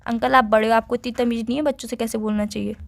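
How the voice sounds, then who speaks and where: A woman's voice: a little high, steady tone, quick pace, gravelly, slight background noise. A young woman teasing and lecturing her boyfriend in casual phone banter. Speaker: girlfriend on a phone call.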